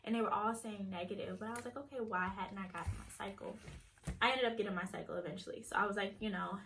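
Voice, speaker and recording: A woman's voice: mid-range voice, quick pace, gravelly, fairly bright tone, slight background noise. A young woman vlogger chatting casually, retelling a story and acting out each person's lines. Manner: chatty, acts out quoted dialogue.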